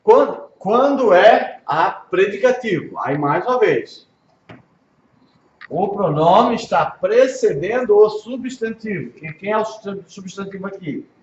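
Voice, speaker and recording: Brazilian guy teaching hebrew slow, kinda high voice, echoey room and dull audio. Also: animated. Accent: Brazilian Portuguese. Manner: patient, repeats pronunciations slowly, checks understanding. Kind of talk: informal one-on-one language lesson.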